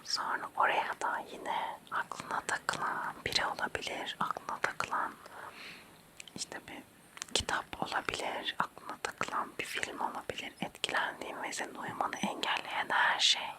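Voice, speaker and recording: An ASMR host in a whispered role-play, speaking quietly as if at night, softly reassuring and coaxing a listener to sleep with repeated words. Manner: hushed, quiet night-time bedtime whisper, slow and repetitive.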